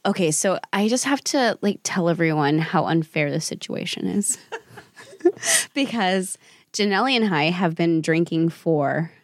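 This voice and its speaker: A woman's voice: on the low side, animated, measured pace, no echo. Woman, giggly, tipsy, chatty, dry close sound. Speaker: host. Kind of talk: casual tasting chat.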